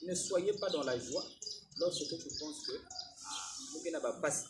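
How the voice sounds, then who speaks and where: A man preaching with an animated, high-pitched voice that swings widely in pitch. He keeps calling out to his congregation to make sure they follow. The mic sits some distance away, and background noise is clearly audible. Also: unhurried. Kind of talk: sermon.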